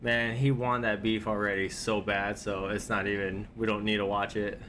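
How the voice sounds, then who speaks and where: A man's voice: fairly low pitch, little pitch movement, normal speed, fairly bright tone, a little hiss or hum. Laid-back rambling man reacting to clips. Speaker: reaction video host. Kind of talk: casual reaction commentary.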